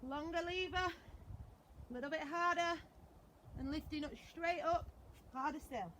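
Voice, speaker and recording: A woman's voice: sits high, a little slow, a bit bright, a little hiss or hum. A woman fitness instructor leading a live workout class with short repeated commands, counts and encouraging cues. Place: outdoors in a back garden.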